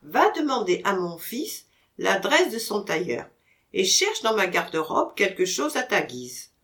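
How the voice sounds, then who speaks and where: A woman reading a storybook audiobook, voicing a witty gentleman master who teases his servant in mock-stern banter. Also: medium pitch, big pitch swings, measured pace. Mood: teasing.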